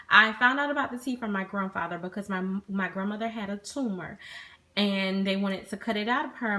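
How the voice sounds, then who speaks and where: A woman's voice: medium pitch, fairly bright tone. A young adult woman casually reviewing a product she uses, rambling with many ums and restarts, recorded on her phone.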